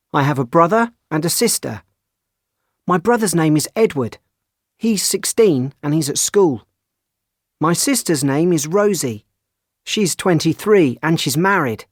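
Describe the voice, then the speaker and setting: A young man playing a nineteen-year-old student who introduces his family in slow, even textbook audio. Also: on the high side, no echo, studio quality. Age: young adult.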